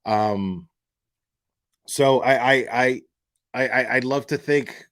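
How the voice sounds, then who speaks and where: On his casual true-crime livestream, the host's medium-pitched, fairly bright voice moves slowly. He's forceful and opinionated, drops profanity without hesitation, and repeats himself as he reasons things out.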